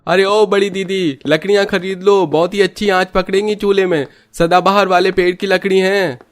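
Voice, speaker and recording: A man's voice: fairly high pitch, normal speed, a little mellow, dry recording, natural voice. A man voicing a poor, weary woodcutter who is a family father and speaks in a humble, pleading tone, in storybook acting. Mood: hawking.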